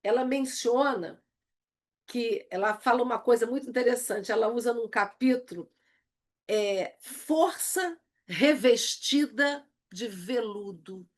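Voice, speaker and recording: A woman's voice: fairly high pitch, slow. A Brazilian woman teaching a recorded Bible lesson, emphatic and acting out the lines she quotes. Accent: Brazilian Portuguese. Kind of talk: recorded church video lesson.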